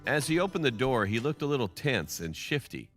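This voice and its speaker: A man giving a scripted first-person narration of a story in a steady storytelling delivery. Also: mid-range voice, a little fast, faint music behind.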